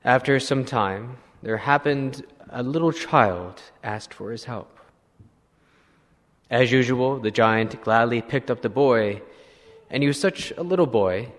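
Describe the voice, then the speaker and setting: Male priest, mid-pitched, unhurried sermon storyteller, long reverb around him. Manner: slow, measured retelling with clearing of throat.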